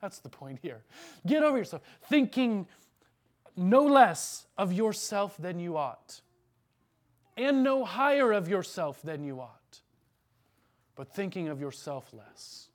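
A man's voice: high-pitched, very animated, slow pace, long pauses. A man preaching an earnest, emphatic sermon as pastor, then leading a prayer in church.

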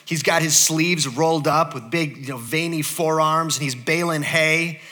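A man preaching a sermon as pastor, joking and conversational, with many asides and quick shifts into playful quoted voices. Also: on the high side, sharp tone. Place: church.

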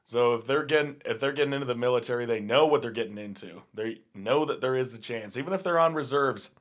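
A man's voice: medium pitch, fast talker, fairly bright tone. This male co-host has a Utah accent and an ordinary mid-range voice. He speaks bluntly, swears freely and laughs between his lines in casual radio banter. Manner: blunt, profane, laughs often.

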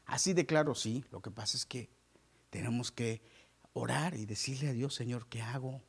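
A male pastor preaching a sermon to his congregation, moving between loud exclamations and hushed asides. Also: medium pitch, normal speed, creaky, husky.

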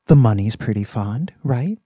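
For an audiobook, a man voices an eager, naive young male college student, chatting in casual slang. His medium-pitched voice is pushed up, with lively intonation, a dark tone, and a breathy edge at normal speed. The recording is studio quality with no echo.

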